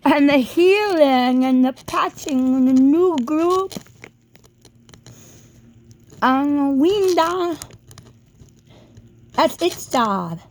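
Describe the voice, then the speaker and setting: A woman giving a rambling spoken monologue in disjointed, halting, drifting phrases. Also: sits high, animated, a little mellow, a little hiss or hum.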